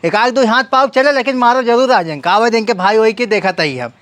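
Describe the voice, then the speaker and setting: A high-pitched, belligerent village drunk husband, played by a woman, blusters in an Awadhi accent. The boastful town drunk of a homemade comedy sketch, he drawls threats and brags about his strength. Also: brisk, close to an everyday voice.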